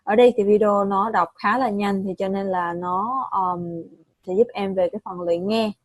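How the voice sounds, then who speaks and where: A woman's voice: mid-range voice, fairly even intonation, no room sound. Vietnamese-accented woman teacher, patient drills, dry close sound. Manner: patient, repeats and corrects, models English words slowly. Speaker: English pronunciation teacher. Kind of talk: online pronunciation lesson.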